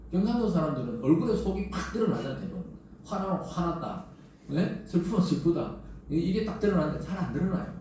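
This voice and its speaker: A middle-aged male pastor with a Gyeongsang accent preaches in a chatty, animated way, throwing out rhetorical questions. His voice is mellow and sits a bit high for a man. He is picked up from a distance in a large, strongly echoing church sanctuary with faint room noise. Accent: Gyeongsang Korean. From Gyeongsang region of Korea. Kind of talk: sermon. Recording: very echoey church hall from a distance.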